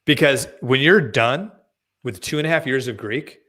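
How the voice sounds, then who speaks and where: A man's voice: medium pitch, moderate pace, sharp tone. A man co-hosting a casual podcast discussion, emphatic and often restarting his sentences. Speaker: podcast co-host.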